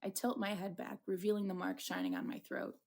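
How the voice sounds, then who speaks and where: A wounded romantic hero as acted by a woman in a visual novel, flirtatious and full of theatrical bravado. The voice has a noticeable creak and sits at an ordinary pitch for a female reader. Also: little pitch movement, a little fast. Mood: smitten. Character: Julian, wounded flirtatious man, dramatic and lovestruck narrator. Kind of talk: dramatic visual novel reading.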